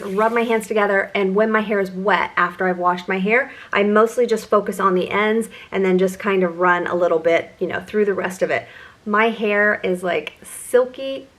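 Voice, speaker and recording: A woman's voice: mid-range voice, fairly bright tone. A middle-aged woman vlogger giving a chatty, enthusiastic product review. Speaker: beauty vlogger.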